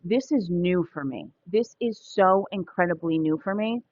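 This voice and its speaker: A woman's voice: lowish voice, moderate pace, a little mellow, highs cut off. A woman in her forties talking candidly in a casual personal vlog, chatty and prone to restarting her sentences. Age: 40s. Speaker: vlogger.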